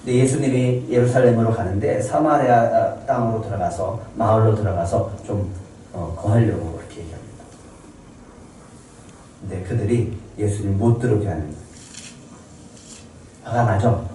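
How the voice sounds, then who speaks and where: Warm-voiced pastor preaching in an echoey church. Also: male voice, on the low side, normal speed, long pauses, far from the mic, slight background noise. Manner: asks the congregation questions and answers them himself; acts out quoted people in a raised voice. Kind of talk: Sunday sermon. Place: church sanctuary. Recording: very echoey room, voice from off the mic.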